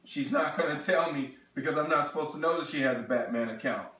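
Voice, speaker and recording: A man in his thirties giving a sales seminar presentation, animated and talking straight to the audience with frequent check-ins. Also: a little high, quick pace, slight background noise. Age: 30s. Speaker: financial presenter. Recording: echoey room.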